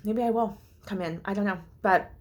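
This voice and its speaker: A woman's voice: medium pitch, moderate pace, a little mellow. A woman vlogging a heartfelt, rambling personal update, full of fillers and restarts and close to tears at times. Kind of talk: casual vlog update.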